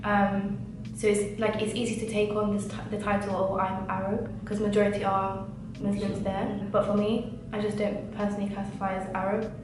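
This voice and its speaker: A woman's voice: medium pitch, completely flat delivery, brisk, background noise. A woman from Egypt talking hesitantly, with many fillers, in a casual group discussion. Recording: echoey room, distant mic, music behind.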